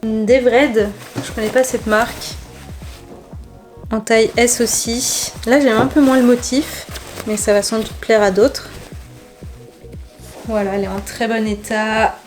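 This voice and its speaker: A woman's voice: on the high side, fairly even intonation, a little slow, pauses often, faint music behind. A young woman vlogger chatting casually and informally, showing clothes to the camera with slang and fillers.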